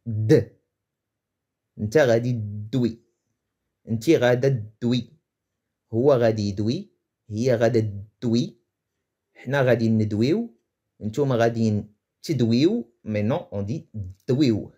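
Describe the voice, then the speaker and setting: A man's voice: mid-range voice, fast talker, long pauses, dark tone. Man teaching, hesitant and chatty. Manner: hesitant, thinks aloud with restarts and chuckles. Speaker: Moroccan Arabic teacher. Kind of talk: casual explanatory lesson.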